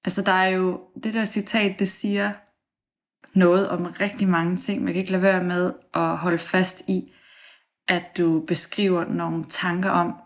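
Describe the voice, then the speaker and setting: A woman interviewer asking gentle, probing questions. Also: on the low side, level tone. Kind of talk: casual interview talk.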